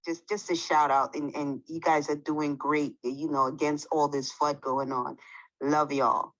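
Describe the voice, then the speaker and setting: A woman in a live audio chat, relaxed and friendly. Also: low voice, measured pace, rough recording. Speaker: audience speaker. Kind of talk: casual chat on an audio call.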